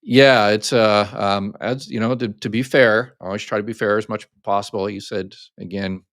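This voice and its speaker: The speaker is an older man from the United States with a deep, very low voice, answering viewer questions on a live Q&A chat at a moderate pace. He rambles casually, breaking his step-by-step explanations with frequent ums and restarts. The room echo is slight, and the sound is close and dry.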